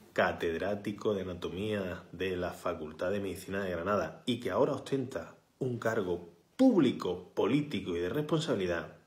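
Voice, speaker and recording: A man's voice: low voice, a little mellow. A man, a healthcare worker making an impassioned protest appeal straight to his phone camera, fiery and emphatic, sometimes dropping to a whisper for stress. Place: small indoor room, bright window behind. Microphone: phone camera at arm's length. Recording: echoey room.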